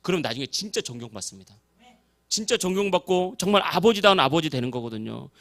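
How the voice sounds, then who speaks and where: Male pastor, high and very expressive voice, storytelling sermon in a church. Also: fast talker. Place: church sanctuary.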